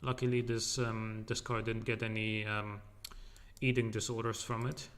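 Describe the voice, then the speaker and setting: A man's voice: fairly low pitch, little pitch movement, moderate pace, a bit bright. A man streaming a game in loose, rambling casual commentary, his voice echoing in a large, empty living room. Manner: rambling, loose and joking, with many fillers. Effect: echo from a large empty room.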